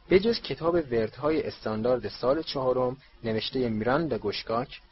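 A man reads a storybook aloud in an even, steady voice. His pitch sits in the middle for a man. The recording is slightly dull, with a faint hiss beneath it. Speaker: audiobook narrator. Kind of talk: storybook narration.

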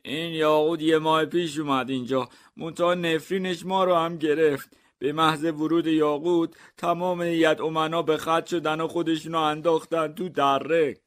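A man doing a firm, bright-voiced inspector. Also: a little high, flat delivery, close to an everyday voice. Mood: earnest. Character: museum guard and inspector, plain grown men. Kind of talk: comic mystery story reading.

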